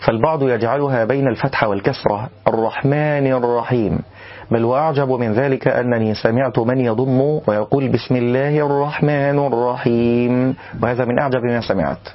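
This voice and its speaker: Male tajweed teacher, measured explanation with slow melodic demos, slightly dull recording. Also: medium pitch. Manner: explains calmly, then demonstrates recitation slowly and melodiously. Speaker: Quran recitation teacher. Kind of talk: tajweed lesson.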